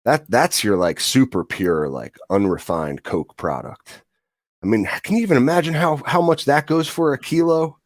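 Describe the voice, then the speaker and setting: A man's voice: mid-range voice, expressive, normal speed, no echo, clean studio sound. A man co-hosting a podcast, chatting casually in a joking, rambling way with lots of fillers and restarts. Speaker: podcast co-host. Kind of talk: casual chat.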